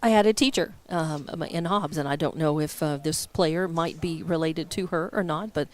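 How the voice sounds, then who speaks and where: Low-voiced woman on color commentary. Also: moderate pace. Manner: friendly, conversational, rambling asides. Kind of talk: local baseball commentary.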